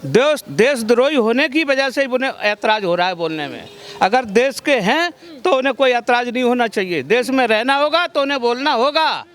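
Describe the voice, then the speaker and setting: A man's voice: very high voice, animated, fairly quick, fairly bright tone. A man answering a street interview outdoors, firm and emphatic.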